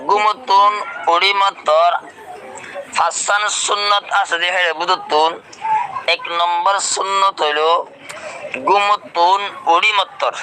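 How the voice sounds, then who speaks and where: A man with a Rohingya accent teaching a religious lesson, deliberately repeating phrases and reciting Arabic prayers for learners. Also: sits high, noisy background. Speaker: Islamic teacher.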